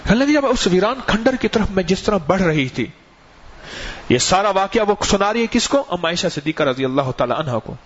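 A male preacher telling a story in a sermon, animated, and acting out the dialogue of the people in it. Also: high-pitched, slightly rough. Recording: muffled, lo-fi recording.

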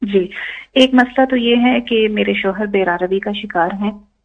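A woman's voice: medium pitch, steady tone, unhurried. A woman calling in over a phone line, politely and briefly listing her problems one by one. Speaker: caller. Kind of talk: call-in question to a spiritual guide.

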